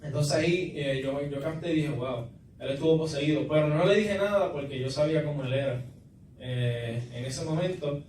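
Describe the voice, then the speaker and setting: A young man gives a church testimony, stumbling and repeating words as he goes. His voice sits slightly high. He is picked up from a distance in a very echoey hall with clear background noise. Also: a little mellow. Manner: halting, repeats words while storytelling. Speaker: testimony giver. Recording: echoey room, distant mic, noisy.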